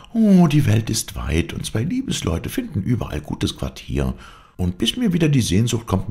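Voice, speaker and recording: A man's voice: lowish voice, creaky, a little mellow, pitched above the performer's own voice, full character voice. A man putting on a bold young circus girl. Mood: playful. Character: spirited young woman circus rider, bold and lively. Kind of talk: audiobook character voice.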